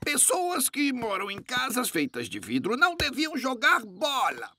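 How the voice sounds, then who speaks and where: A man voicing a proud, excitable old grandfather pig in a cartoon dub, blustering and explaining. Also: extremely high pitch, unhurried, over music, full character voice. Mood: indignant.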